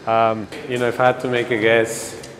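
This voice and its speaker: Against a noisy background, a young Ecuadorian man in his twenties gives a casual campus tour as a grad student for a documentary interview. His pitch is medium and his pace moderate, and his relaxed, meandering talk is full of fillers and restarts.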